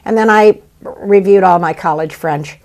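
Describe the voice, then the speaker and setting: An older woman in her seventies speaks with a slightly low voice and a gravelly texture. She tells stories in a lively, theatrical way, and she is answering questions as a guest. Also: a little slow. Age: 70s. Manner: animated, theatrical storyteller. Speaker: actress and playwright, guest. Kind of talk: interview conversation.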